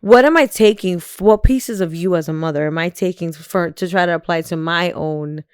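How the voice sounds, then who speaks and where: A woman's voice: fairly low pitch, moderate pace, darkish tone, clear, resonant tone, no echo, studio quality. Playful podcast co-host woman. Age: 30s. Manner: playful, teasing, laughs often. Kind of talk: casual chat.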